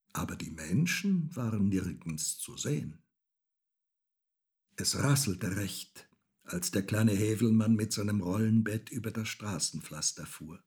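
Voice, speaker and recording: A man reading a children's story aloud, slow and expressive. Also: on the low side, slightly rough.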